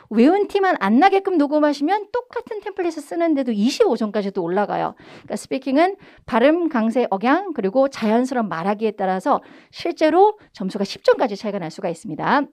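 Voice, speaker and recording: Young woman teacher, high voice swinging all over, punches the stressed words. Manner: energetic, exaggerated stress when modeling phrases. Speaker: English speaking test instructor. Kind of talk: online lecture.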